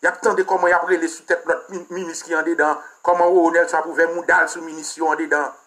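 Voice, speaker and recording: High bright mocking Haitian man. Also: fast. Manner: mocking, crude, animated. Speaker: political commentator. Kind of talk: heated political rant.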